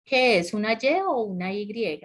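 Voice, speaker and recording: A woman leads an online English lesson, talking through grammar points at a relaxed, patient pace. She often stops to check in with her students. Her voice sits at an ordinary middle pitch and comes through a computer microphone on a video call. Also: measured pace. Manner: explains patiently, asks the class questions, laughs lightly. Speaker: English teacher. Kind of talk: online class explanation. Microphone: computer mic on a video call.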